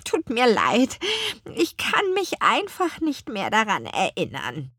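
A woman voicing a kindly, forgetful old grandmother witch in an audiobook, with a raspy, croaking voice and a drawn-out, high, cracked delivery. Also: wildly swooping pitch, a bit bright, no echo, studio quality, exaggerated voice. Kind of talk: audiobook character voice.

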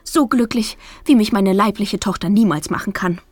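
A woman voicing a gushing, tearful middle-aged mother with a sharp tongue, speaking high and sobbing. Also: normal speed, no room sound, lightly acted.

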